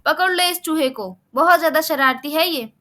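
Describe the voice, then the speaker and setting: A proud storybook king who gives orders, as a woman voices him. The voice is high and bright, with a commanding manner. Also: normal speed. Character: laughing proud male king.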